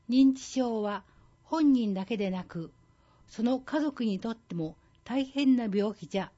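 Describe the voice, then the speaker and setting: A woman voicing a wise, folksy old doctor who gives gentle advice in old-man speech. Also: on the high side, lo-fi sound.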